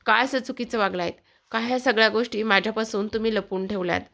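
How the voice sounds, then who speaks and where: A woman's voice: a little high, fairly even intonation, fast, creaky, bright, forceful tone. A woman reading an angry hurt husband. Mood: reproachful. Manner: reproachful, pressing questions.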